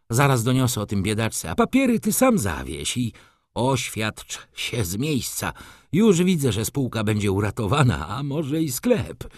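A man voicing an excitable, fussy old male shop clerk in an audiobook, talking eagerly and persuasively. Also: mid-range voice, no echo, clean studio sound, voice pushed up. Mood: eager, pleading.

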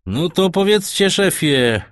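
A man's voice: high voice, animated, takes it slowly, fairly bright tone, no room sound, clean studio sound, pitched above the performer's own voice, exaggerated voice. A man voicing a blunt, simple young sailor who speaks frankly and eagerly.

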